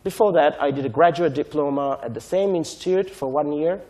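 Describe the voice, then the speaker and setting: Mellow-voiced man. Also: on the high side. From Sri Lanka. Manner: measured, explanatory, often checks in with "right?". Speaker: invited speaker on technology transfer. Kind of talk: lecture to a conference audience.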